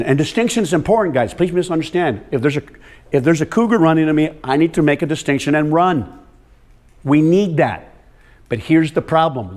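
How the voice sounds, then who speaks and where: A man's voice: a little high, a little mellow. A man giving a lecture to a room of farmers, emphatic and direct, repeating words for stress and calling on the audience. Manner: addresses audience directly, walks and calls on them. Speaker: soil health speaker.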